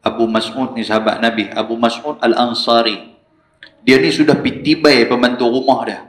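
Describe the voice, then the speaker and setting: A man with a northern Malaysian Malay accent giving an evening lecture in a small prayer hall, telling stories animatedly and swinging between low asides and raised exclamations. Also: steady tone, normal speed, fairly bright tone. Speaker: religious lecturer. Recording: echoey prayer hall recording.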